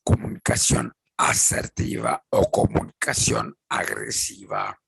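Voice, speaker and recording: A man giving a measured lecture, repeating points and acting out example phrases. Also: lowish voice, wildly swooping pitch, gravelly, fairly bright tone, slightly rough, no echo, low-quality recording. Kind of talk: slow explanatory lecture with acted examples.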